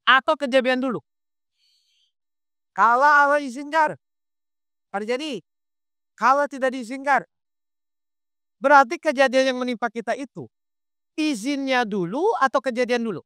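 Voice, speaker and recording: A man delivers a lively sermon, constantly testing his listeners with quick questions. His voice is bright and crisp. The sound is dry and close. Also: very high-pitched, no room sound. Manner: quizzes the audience with quick rhetorical questions; lively, conversational preaching. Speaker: Islamic preacher. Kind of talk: sermon to a congregation.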